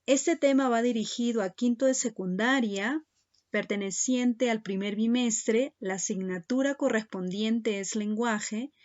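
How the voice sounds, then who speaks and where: Woman teacher going really slow and patient, kinda high voice, dull lo-fi sound. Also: darkish tone. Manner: slow, patient, addresses students directly. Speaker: secondary school teacher. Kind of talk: recorded online lesson.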